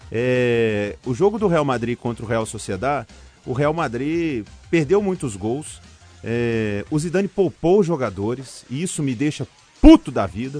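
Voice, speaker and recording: A man's voice: medium pitch, a little mellow. A man from chatting casually as a football podcast co-host, informal, blunt and opinionated. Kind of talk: casual sports chat.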